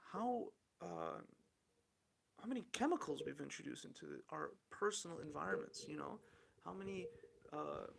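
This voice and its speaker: A man's voice: a little high, vocal fry, breathy edge. A man in his thirties hosting a solo podcast, rambling candidly through the news and swearing casually. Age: 30s. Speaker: podcast host.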